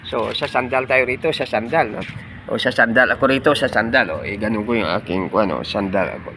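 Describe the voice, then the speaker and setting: A man's voice: mid-range voice, a little fast, noisy background. A man preaching a devotional sermon outdoors among trees, in a conversational way that often asks his friends "no?" and mixes in English phrases. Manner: conversational, often asking "no?" and calling listeners "friends".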